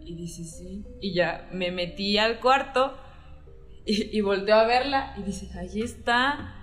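A woman's voice: mid-range voice, takes it slowly. Mexican woman telling a story, roomy echo. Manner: animated storytelling, acting out quoted dialogue. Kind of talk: casual chat. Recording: roomy echo, faint music.

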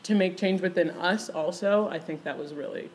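A 21-year-old woman from Kenya, raised in Michigan, chatting as a podcast guest, full of fillers and quick laughs. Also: fairly low pitch, slight background noise. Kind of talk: casual podcast conversation.

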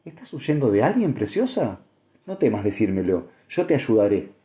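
A man's voice: very animated, moderate pace, mellow. A man voicing a plump, motherly older farm woman who scolds her husband and fusses kindly over a girl, in an audiobook. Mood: tender. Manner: scolding yet tender, higher-pitched. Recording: echoey room.

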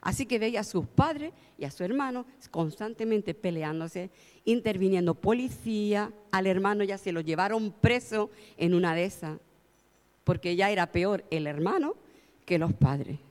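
A woman's voice: medium pitch, expressive, normal speed, a little mellow. A woman from preaching a sermon, telling stories heartfelt and pressing her points with emphasis. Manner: heartfelt, storytelling, rising to emphatic. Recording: long hall reverb.

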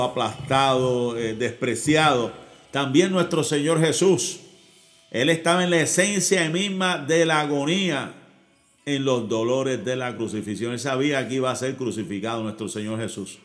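A pastor preaching a sermon, who often repeats words and asks the congregation "right?". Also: male voice, mid-range voice.

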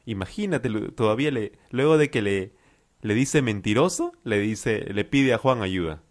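A man with a Peruvian accent explaining phrases as a language teacher, slowly and patiently, repeating phrases and listing synonyms. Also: lowish voice, lively intonation. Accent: Peruvian Spanish. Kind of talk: explaining vocabulary.

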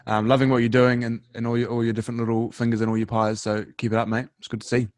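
Male interviewer, young, New Zealand accent, quick and flat in pitch, informal and matey. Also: no echo, studio quality. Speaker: interviewer, host. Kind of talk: casual interview.

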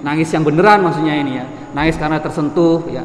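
A man with a Javanese accent giving a religious lesson. He chants Arabic text slowly and then explains it in relaxed, conversational speech. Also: a little high. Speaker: ustadz teaching a hadith book. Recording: echoey room, long reverb, faint noise.

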